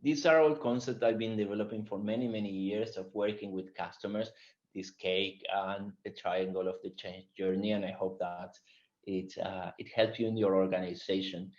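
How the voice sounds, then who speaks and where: A man with a strong Spanish accent giving a webinar talk as guest speaker, animated and full of fillers and restarts. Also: low voice, moderate pace, dull audio. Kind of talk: webinar presentation.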